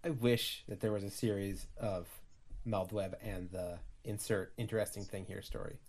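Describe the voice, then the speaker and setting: A man chats casually as a literary podcast co-host. His voice is a little low, and the recording has faint noise and small clicks. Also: steady tone, normal speed.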